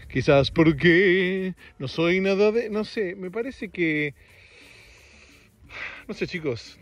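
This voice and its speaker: Outdoors on a street, a middle-aged man with an Argentine Spanish accent hosts a casual, rambling podcast. His high-pitched, slightly raspy voice carries a joking, self-deprecating manner.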